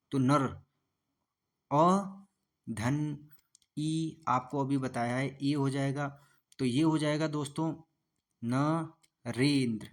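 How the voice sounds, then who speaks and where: A man gives an exam-prep grammar lesson at an unhurried pace, with a voice pitched a little higher than most men's. He keeps going back over each point and draws out single letter sounds slowly and carefully. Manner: repetitive, calls listeners "friends" constantly, sounds out letters slowly. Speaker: Hindi grammar teacher.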